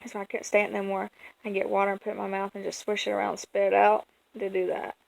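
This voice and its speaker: An American woman telling a personal story in a casual, folksy vlog style, chatty and animated as she quotes herself and leans on words for emphasis. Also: medium pitch, quick pace, vocal fry, low-quality recording. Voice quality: colloquial, folksy speech. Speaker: vlogger.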